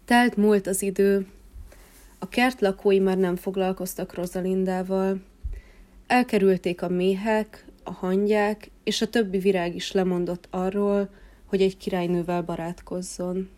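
A woman calmly reading a children's fairy tale aloud in a gentle narrating voice. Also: mid-range voice. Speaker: storyteller. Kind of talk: storybook reading.

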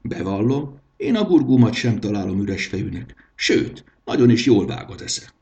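A man's voice: fairly low pitch, very animated, mellow, highs cut off. A man voicing a timid, earnest male servant in a storybook reading.

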